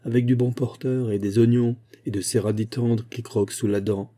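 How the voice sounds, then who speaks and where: A man's voice: mid-range voice, steady tone, normal speed, mellow, close to an everyday voice. Hutchinson, a man doing a desperate young prospector. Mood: wistful. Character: young despairing man of twenty-six, restless.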